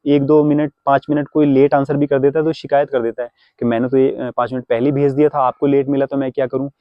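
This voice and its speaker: A man's voice: mid-range voice, little pitch movement, fast talker, no echo. A man, talking casually to camera as a vlogger and father, lecturing viewers on keeping traditions. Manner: preachy, advising viewers on tradition. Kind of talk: casual vlog talk to camera. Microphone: phone camera. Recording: dry, slightly dull sound.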